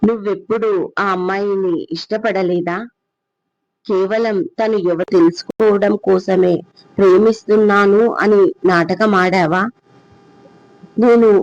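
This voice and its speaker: A man's voice: high-pitched, no room sound. A storyteller voicing a middle-aged father who sadly and earnestly questions his son, on a dull, dry recording.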